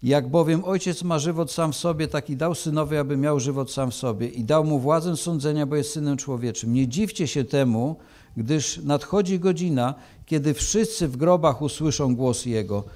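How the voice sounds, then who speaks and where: A man's voice: fairly high pitch, moderate pace, a little mellow. A man preaching, reading a Bible passage aloud and then explaining it, with frequent hesitations.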